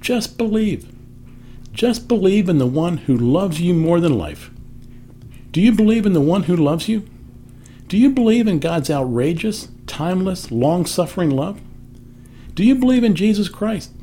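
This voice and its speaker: An older man tells a family story and then turns it into a devotional message. His voice is mellow and sits a little high for a man, and it swings widely in pitch as he stresses his words. A soft background ambience stays under him. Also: slight background noise. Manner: emphatic storytelling, softening for quotes. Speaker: devotional speaker.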